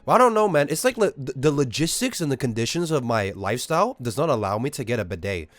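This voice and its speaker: Speaking fast in a sing-song, mid-range voice, a young man from Australia delivers an incredulous, exaggerated, profane rant to his live-stream chat in a casual way. There's no echo on the recording.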